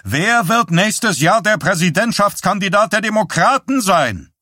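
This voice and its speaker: A man voicing a stout woman with a loud, booming voice. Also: sing-song, measured pace, no echo, clean studio sound, full character voice.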